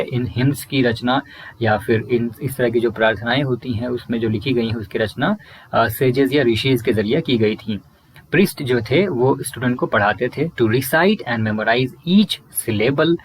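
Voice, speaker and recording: Husky male tutor explaining a textbook. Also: medium pitch. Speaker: teacher.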